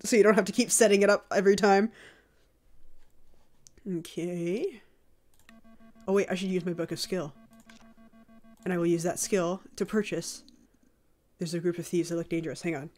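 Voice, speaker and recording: A woman streamer giving casual, chatty commentary while she plays a game, reacting with quick exclamations. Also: lowish voice, steady tone, darkish tone, soft background music.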